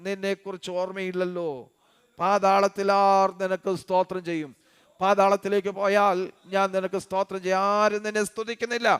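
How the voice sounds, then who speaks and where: A man preaching a sermon with fervour, swinging between loud and quiet phrases and murmuring a praise word between them. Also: high-pitched, clear, resonant tone. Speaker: pastor.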